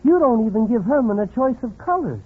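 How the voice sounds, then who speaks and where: In a 1940s radio comedy, an actor plays a wry commentator scolding a domineering wife, sounding sardonic and admonishing. His mid-range, husky voice moves briskly with big pitch swings. The old radio recording is muffled.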